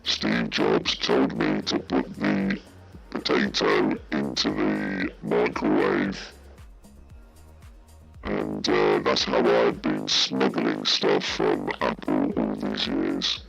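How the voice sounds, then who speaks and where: Someone talking through a voice changer that makes the voice very deep, playing an anonymous disguised whistleblower in slow, deadpan jokes. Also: faint music behind, heavily acted, low-quality recording. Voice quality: gravelly, croaking. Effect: voice changer pitching the voice very deep. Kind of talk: joking banter on a live game stream.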